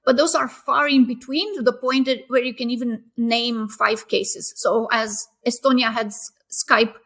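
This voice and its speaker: Founder guest, female, fairly high voice, casual and reflective with lots of ums. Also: fairly even intonation, a little slow, fairly bright tone. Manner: thoughtful, many fillers and restarts. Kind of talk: casual interview answers.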